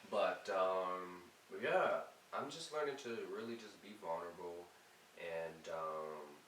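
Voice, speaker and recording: A man's voice: low voice, slow, a bit bright. A man sharing thoughts as a guest in a casual chat, reflective and laid-back, often agreeing. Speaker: guest friend. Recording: roomy, distant, faint hiss.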